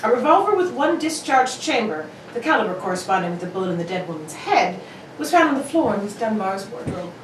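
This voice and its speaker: A woman playing Sherlock Holmes as a cool, incisive gentleman detective in a radio mystery, with a dry, formal, politely cutting manner. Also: medium pitch, sing-song, fast, close to an everyday voice. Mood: matter-of-fact. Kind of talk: 1940s radio mystery acting. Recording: roomy, distant, faintly noisy stage recording.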